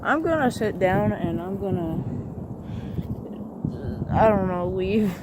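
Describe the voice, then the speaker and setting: A man's voice: high voice, lively intonation, slow, very noisy. A man talking through a gender swap voice filter that makes him sound like a woman, rambling hesitantly in a casual vlog from up in a tree in the woods. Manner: hesitant, rambling, many fillers. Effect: gender swap voice filter making him sound like a woman.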